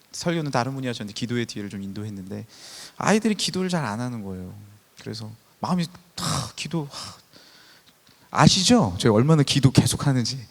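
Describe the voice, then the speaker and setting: A man in his thirties preaching a sermon, telling stories and swinging from soft passages to loud, emphatic ones. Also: mid-range voice. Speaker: pastor. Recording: long church hall reverb.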